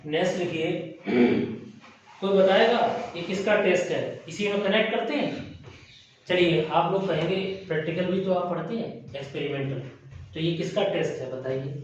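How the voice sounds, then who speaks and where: A man teaching a chemistry class, quizzing his students with quick questions. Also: high-pitched, slight background noise. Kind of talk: classroom lecture. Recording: echoey muffled room from far off.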